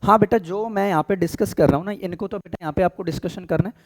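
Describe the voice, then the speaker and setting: A man with an Indian accent runs a live online exam-prep English class, switching between Hindi and English. His voice is hoarse, worn, and a little high, and he keeps it deliberately soft and slow. He often pauses to clear his throat and fondly calls students "beta."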